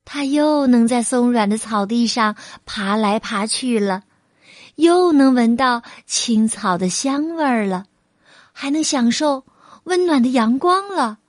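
A woman reading a children's story aloud in a gentle, unhurried way. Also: a little high, lively intonation, no echo, studio quality.

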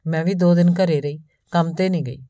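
A woman narrating a story in a calm, even storytelling manner, reading both the man telling it and the woman he meets. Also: on the low side, a little fast, dry recording, studio quality. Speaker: audiobook narrator.

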